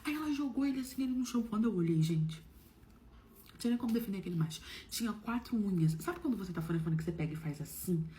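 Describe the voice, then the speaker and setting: A woman's voice: medium pitch, animated, quick pace, dark tone, a little hiss or hum. A woman telling a dramatic personal story in a casual, gossipy way, acting out what others said. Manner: gossipy, dramatic, quotes people in changed voices.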